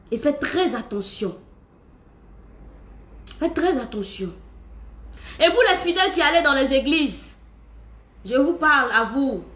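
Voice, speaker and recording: Indignant woman, high and echoey. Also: fairly bright tone. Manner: indignant, preaching, warns and mocks with laughs. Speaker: self-styled spiritual figure. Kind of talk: angry monologue to followers. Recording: echoey room.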